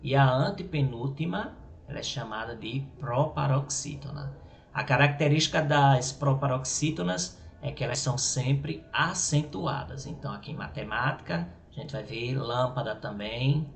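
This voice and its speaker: A male teacher with a Brazilian Portuguese accent giving a grammar lesson, halting and repeating words, often checking with his listeners. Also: medium pitch, gravelly. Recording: echoey room with faint noise.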